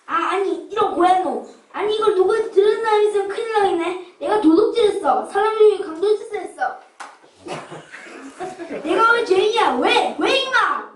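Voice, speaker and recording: A pompous, blustering villain of a rich old man, acted by a woman for a children's puppet play. The voice is very high and theatrical, recorded in a roomy space at some distance. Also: animated, moderate pace. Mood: indignant. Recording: roomy, distant miking with background hiss.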